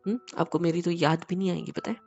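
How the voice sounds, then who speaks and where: A man's voice: on the high side, fairly even intonation, fast talker, creaky, a little mellow, lo-fi sound, soft background music. A man playing an affectionate young husband who soothes and teases his wife in an intimate romantic audio drama. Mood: tender. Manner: tender, teasing and coaxing.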